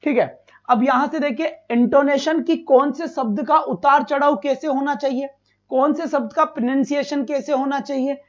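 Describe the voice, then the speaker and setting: A man's voice: very high voice, fairly even intonation, normal speed, highs cut off. A man teaching a live online exam-prep lesson, asking his students questions, repeating each one and fondly calling them "beta".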